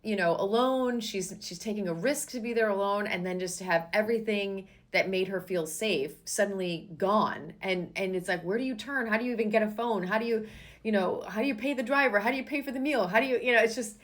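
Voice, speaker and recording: A podcast host with a mid-range voice talks fairly quickly to her guest in a casual interview. She is enthusiastic and gushing, filling her speech with lots of "you know" and "like."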